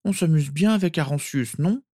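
A man's voice: fairly high pitch, normal speed, dark tone, no room sound, studio quality, pitched above the performer's own voice, lightly acted. A man voicing a mischievous little boy. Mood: sleepy. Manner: whispering, childish. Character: young boy, mischievous and sleepy.

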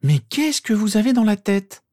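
A man putting on a sharp, scolding mother. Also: high voice, very animated, fairly quick, slightly rough, no room sound, studio quality, voice pushed up, heavily acted. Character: stern, worried mother, quick to scold.

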